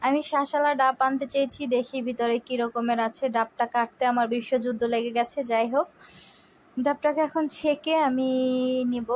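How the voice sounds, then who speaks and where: A young woman with a Barishal Bengali accent, chatting casually as she demonstrates a recipe in her home kitchen and keeps telling viewers to look. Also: on the high side. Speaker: cooking vlogger.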